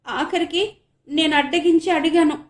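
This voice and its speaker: A woman voicing a frantic, tearful young college student in an audiobook, pitching her voice high and loud. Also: fairly even intonation, moderate pace, echoey room, lightly acted. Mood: frantic crying.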